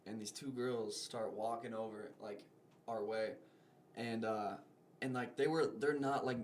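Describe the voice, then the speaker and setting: A man's voice: lowish voice, fairly even intonation, unhurried, slight background noise. A young man, a podcast guest, telling a story in casual, rambling talk full of filler words.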